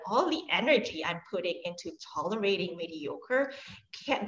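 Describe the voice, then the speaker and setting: Swiss woman coach chatting in an interview, lots of ums and you-knows, roomy muffled sound. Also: mid-range voice. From Switzerland. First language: Swiss German. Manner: open and reflective, laughs often, many fillers. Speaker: guest, high-performance coach. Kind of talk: conversational interview.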